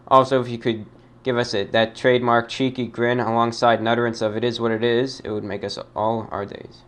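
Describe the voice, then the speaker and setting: This man hosts a radio-style monologue, reading fan mail from listeners in a formal, measured, somewhat halting way. His voice is mid-range with a fairly bright tone.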